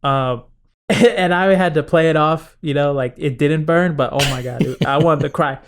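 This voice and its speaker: A man's voice: a little high, normal speed, a crowd in the background. Laughing man rambling through a story. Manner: rambling, laughs often, heavy filler "like". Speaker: podcast host. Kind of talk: casual storytelling.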